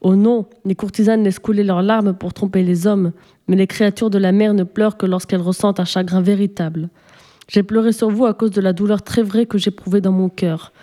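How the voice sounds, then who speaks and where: A woman's voice: mid-range voice, dark tone, close to an everyday voice. A woman voicing a grateful male shark-man sea creature from a storybook, speaking in an earnest, reproachful way.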